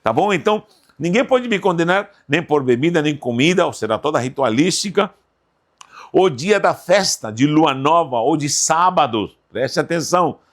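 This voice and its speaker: Brazilian guy giving a bible lesson, gravelly husky voice, bit high, swings his pitch all over, keeps saying "dear" to the viewer. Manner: animated, emphatic, addresses viewer as "querido". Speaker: Bible teacher. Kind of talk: informal recorded Bible lesson.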